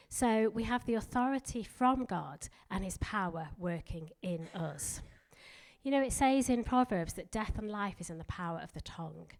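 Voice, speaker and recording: Middle-aged woman preacher, energetic and emphatic, delivering a church sermon at an ordinary pitch. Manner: energetic, emphatic, leads the congregation in declarations. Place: church hall.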